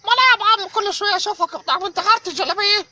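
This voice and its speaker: A man's voice: very high-pitched, racing, sharp tone, exaggerated voice. A man playing a muddled, insistent stoned hashish smoker in an Egyptian comedy sketch, talking in a befuddled, repetitive way. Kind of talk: comic sketch acting. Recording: faint noise with insect ambience.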